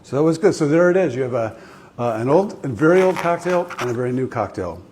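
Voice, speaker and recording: A middle-aged American man from Ohio hosting a relaxed cocktail chat and reading a poem aloud. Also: medium pitch, fast talker, slight background noise. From Ohio, USA. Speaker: host. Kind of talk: casual chat and poetry reading.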